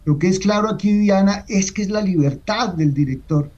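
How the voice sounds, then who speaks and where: A man speaking as a guest on a radio panel, emphatic and rhetorical, often checking in with a quick "right?". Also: high-pitched, a little mellow, muffled recording. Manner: emphatic, rhetorical questions, repeats "¿sí?".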